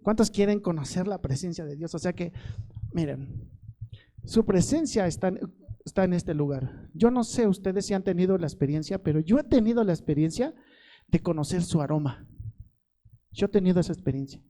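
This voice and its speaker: A man's voice: sits high, dark tone. A middle-aged male pastor preaching a sermon, asking the congregation questions and pleading with growing fervor.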